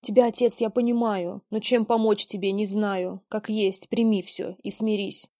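A young son acted by a woman, weary of the world and resigned to gloom. The mellow voice recites mournful rhymed verse theatrically, recorded dry. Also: mid-range voice, fairly even intonation, normal speed, no room sound, close to an everyday voice. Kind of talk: dramatic verse play reading.

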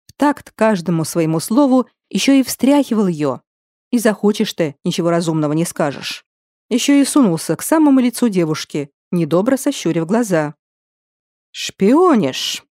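A woman narrating a story in an expressive, gently wry manner. Her voice has a mellow, warm color. The recording is dry and close, with no room sound. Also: medium pitch, dry recording.

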